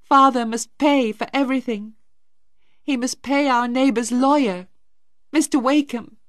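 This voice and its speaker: A woman reading a storybook voicing a distraught teenage girl, high and tearful. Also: unhurried, no room sound, studio quality.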